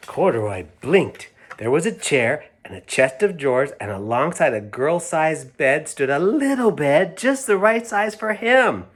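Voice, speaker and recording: A man reading a children's picture book aloud, gently, with chatty asides as if talking to young children. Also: a little high, very animated, a little slow, hardly any pauses. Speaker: storybook reader.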